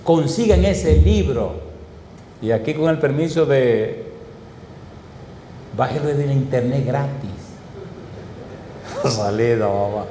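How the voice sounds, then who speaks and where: Guy preaching, asks the crowd questions back to back, warm low tone, big roomy echo. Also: slight background noise. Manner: emphatic, call-and-response questions to the congregation; sweeping pitch swings and slow stressed phrases. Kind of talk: sermon. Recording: echoey hall with reverb.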